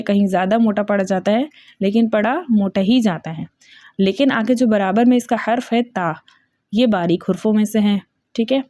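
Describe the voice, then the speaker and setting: A woman teaching the rules of Quran recitation in Urdu with a Pakistani accent, patiently repeating each point, checking understanding, and chanting verses slowly. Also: medium pitch, mellow, dry recording, studio quality. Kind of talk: tajweed lesson.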